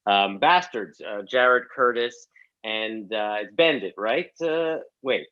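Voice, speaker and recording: A man's voice: fairly low pitch, expressive, slow pace, dull audio. A man, guest on a casual online chat, thanking his editors and making joking asides. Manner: joking, self-deprecating asides. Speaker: comedy series co-creator, guest.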